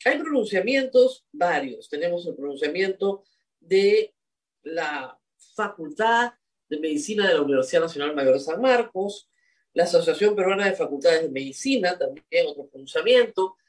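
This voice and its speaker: Commentator going off, emphatic and scolding, bouncy pitch, a bit far from the mic. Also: expressive, normal speed. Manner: emphatic, scolding, repeats points for effect. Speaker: political commentator. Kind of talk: indignant spoken commentary.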